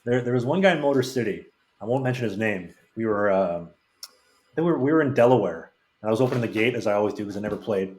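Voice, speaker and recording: A man's voice: on the low side, animated, fast talker, a little mellow, slight background noise. A man who is a podcast guest tells frank, rambling anecdotes in a casual storytelling way, with many restarts. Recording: roomy echo.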